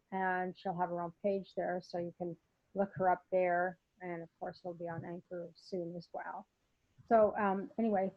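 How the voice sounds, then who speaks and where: A woman's voice: fairly low pitch, dry recording. Woman podcast host on a video call, chatty, lots of ums and uhs, dull lo-fi sound, dry. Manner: chatty and loose, with many "uh" and "um" fillers. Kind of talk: casual interview conversation.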